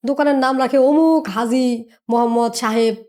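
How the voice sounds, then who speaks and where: In a mellow, fairly high voice at normal speed, a woman offers motivational business advice on a podcast as a business mentor. Her delivery is an emphatic lecture full of repeated points and rhetorical questions.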